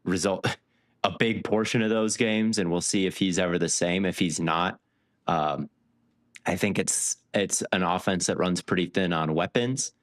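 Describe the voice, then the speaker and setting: Deep-voiced man breaking down stats. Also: normal speed, dry recording, studio quality. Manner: stat-heavy, animated analysis. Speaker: podcast co-host. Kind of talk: casual sports chat.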